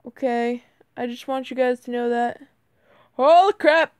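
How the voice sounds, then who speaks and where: A self-deprecating woman gamer, easily flustered, talks casually through a mobile game, her voice cracking and "bro" and "like" coming up constantly. Her high voice moves at a measured pace with a slightly mellow, clean tone, captured at studio quality with no echo.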